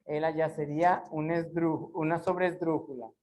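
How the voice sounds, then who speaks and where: A woman's voice: low-pitched, steady tone, moderate pace, darkish tone, low-quality recording. A woman teaching an online class, explaining patiently and drawing out words syllable by syllable. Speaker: Spanish teacher.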